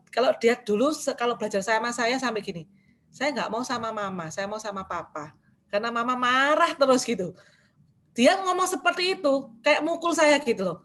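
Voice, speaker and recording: A woman's voice: high voice, fairly bright tone. A middle-aged woman, sharing a candid personal testimony at a church women's gathering in a conversational tone. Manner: candid, conversational, with frequent casual fillers. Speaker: church member giving testimony.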